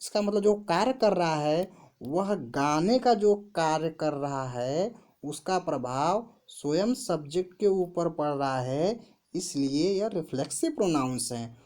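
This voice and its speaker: A woman teaching a grammar lesson, who asks questions and answers them herself, repeats key words and reads example sentences very slowly. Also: low-pitched, lively intonation, darkish tone. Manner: slow, repeats answers to her own questions.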